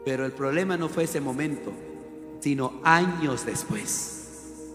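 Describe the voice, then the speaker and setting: A man preaching a sermon, lively and emphatic, calling his listeners brother. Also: mid-range voice, unhurried, echoey room, big-room sound, music in the background.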